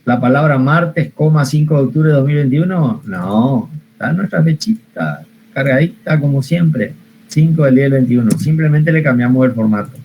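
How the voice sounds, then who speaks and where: A man's voice: mid-range voice, fairly quick, highs cut off. Patient Argentine male teacher, online class, faint room hum behind, quizzes his students. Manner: patient, repeats steps, asks the class questions. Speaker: computer science teacher. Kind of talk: online spreadsheet lesson.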